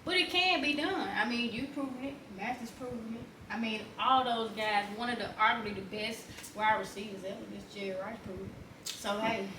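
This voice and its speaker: A woman's voice: a little high, steady tone, moderate pace. A woman from Alabama with a Southern accent, interviewing casually and encouragingly with frequent affirmations. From Montgomery, Alabama, USA. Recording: roomy echo, distant mic, faint noise.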